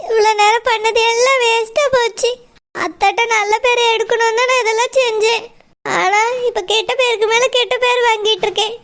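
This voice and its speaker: A woman voicing a gentle young daughter-in-law in a village cartoon, talking in a soft, pleading, sobbing way. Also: very high voice, level tone, moderate pace. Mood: tearful.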